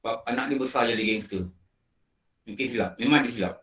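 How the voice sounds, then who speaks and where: A man's voice: mid-range voice, brisk. A man with a Malaysian Malay accent preaches in an online lecture, bringing his points to life by acting out scenes. His voice sits in a middle register. He is recorded a little away from the mic in an echoey room. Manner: animated storytelling, acting out film scenes. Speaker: religious teacher. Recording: roomy and distant from the mic.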